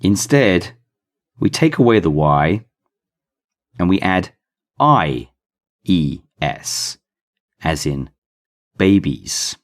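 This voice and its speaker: A man's voice: low voice, very animated, drawn-out words, pauses often. A man teaching an English phonics lesson, spelling out letters and sounding out blends with careful emphasis on each keyword. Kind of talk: slow, deliberate phonics lesson.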